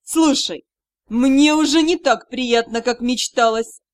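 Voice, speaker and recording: A woman's voice: fairly high pitch, takes it slowly, dry recording, clean studio sound. A woman voicing a mocking, sarcastic aristocratic male mage in an audiobook, drawling and teasing. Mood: coaxing.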